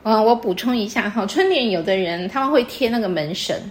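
A woman's voice: on the high side, animated, brisk. A woman, patiently explaining customs to a guest in casual chat and quizzing her as she goes. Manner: patient, teacherly, quizzes the listener. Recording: echoey room.

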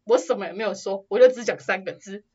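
A young woman with a Taiwanese Mandarin accent, co-hosting a casual podcast, telling an animated story and acting out quotes with frequent laughter. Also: mid-range voice, quick pace, very noisy. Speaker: podcast co-host. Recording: dull lo-fi audio.

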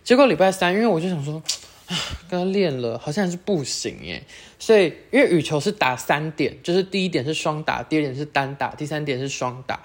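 A high-school-aged speaker with a Taiwanese Mandarin accent, hosting a casual solo chat that rambles and keeps correcting itself. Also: animated, fairly quick. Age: late teens. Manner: rambling, self-correcting, chatty. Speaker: podcast host.

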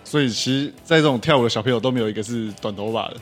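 A woman's voice: extremely low pitch, racing, faint music behind. A woman co-hosting a podcast, making teasing, dry quips. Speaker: podcast co-host. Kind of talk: casual chat.

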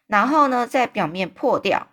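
A woman's voice: a little high, lively intonation, normal speed, a bit bright, pitched above the performer's own voice. A woman voicing a polite, curious little girl who asks eager questions.

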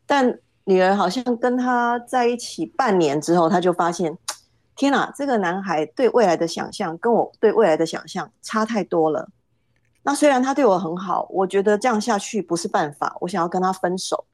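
A woman's voice: mid-range voice, lively intonation, normal speed, darkish tone, no echo. A middle-aged woman, a podcast guest telling a family story casually, hesitant, often repeating words as she starts.

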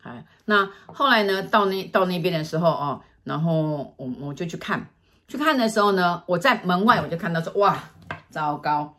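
Woman, low voice, casual storyteller, animated. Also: moderate pace. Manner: animated, acts out scenes with sighs and gestures. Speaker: fortune teller telling a client story.

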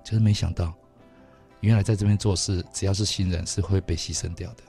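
A middle-aged man with a Taiwanese Mandarin accent hosting a radio talk show, telling stories in an animated way. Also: low voice, soft background music. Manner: fast, animated storytelling with laughs. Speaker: radio host. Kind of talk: casual radio chat. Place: radio studio.

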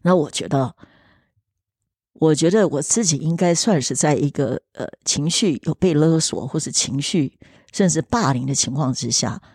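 Husky-voiced woman telling her story. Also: low-pitched, normal speed, a little mellow, dry recording, studio quality. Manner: earnest, reflective, hesitant restarts. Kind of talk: personal storytelling in a podcast chat.

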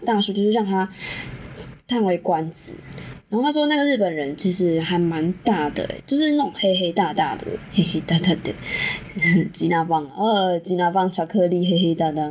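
A woman's voice: fairly low pitch, normal speed, a little mellow, slight background noise. Frank, chatty Taiwanese woman podcaster. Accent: Taiwanese Mandarin. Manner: frank, chatty, swears casually and laughs often. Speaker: podcast host. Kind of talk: candid solo podcast storytelling.

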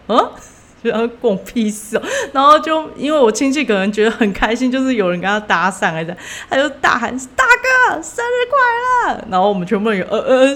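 Young woman, podcast host, casual rambling storytelling, fillers. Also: mid-range voice. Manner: rambling, many fillers and self-corrections.

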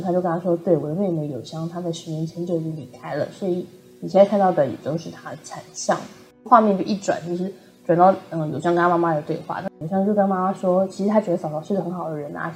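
A woman co-hosting a book discussion podcast, softly retelling a story and quoting its characters. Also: fairly low pitch. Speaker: podcast co-host.

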